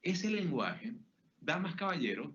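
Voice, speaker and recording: A man's voice: fairly high pitch, big pitch swings, measured pace, fairly bright tone. Man lecturing on a webinar. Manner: addresses listeners directly with rhetorical questions and everyday examples. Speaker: communication trainer. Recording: dull lo-fi audio with faint noise.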